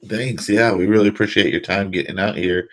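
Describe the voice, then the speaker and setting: A man's voice: on the low side, steady tone, fairly quick, fairly bright tone. A man hosting a podcast, reading a scripted intro and then asking upbeat, friendly questions. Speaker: podcast host. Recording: intro with faint music behind.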